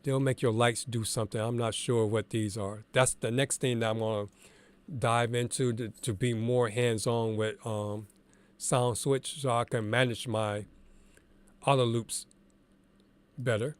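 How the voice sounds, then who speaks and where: A male DJ, congested from allergies and a bit froggy, explains his setup in a relaxed, candid way and thinks aloud as he goes. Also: medium pitch, unhurried, clear, resonant tone. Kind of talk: casual screen-share tutorial.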